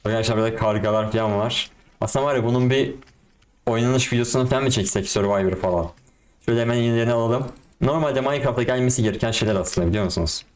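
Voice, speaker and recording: A young man giving casual, excitable commentary on a game and talking to his viewers in slang. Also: mid-range voice, very fast. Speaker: gaming YouTuber.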